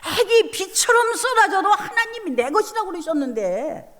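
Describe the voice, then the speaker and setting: Animated high-voiced woman preaching in a hall. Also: moderate pace. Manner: emotional, animated storytelling. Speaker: pastor. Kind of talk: revival sermon with personal testimony. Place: church revival meeting hall. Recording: long hall reverb.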